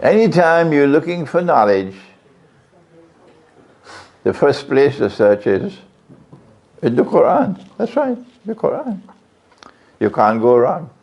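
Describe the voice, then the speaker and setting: A man's voice: big pitch swings, slow pace, pauses often. A man preaching a sermon, questioning his audience often. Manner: questions the audience, varies his pitch widely. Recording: lo-fi, dull sound.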